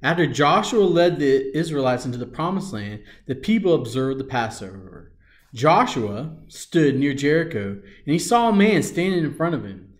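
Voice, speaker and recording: A man teaching a children's Bible lesson and leading a prayer, earnest, with halting fillers and restarts. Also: fairly high pitch, very animated. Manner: repeats "Lord" through his prayer.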